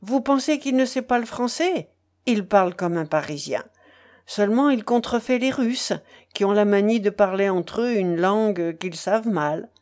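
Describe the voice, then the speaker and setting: A woman's voice: medium pitch, animated, normal speed, darkish tone, close to an everyday voice. A woman reading the part of a nervous young man who keeps explaining and apologizing for his friend. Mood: fussy explaining.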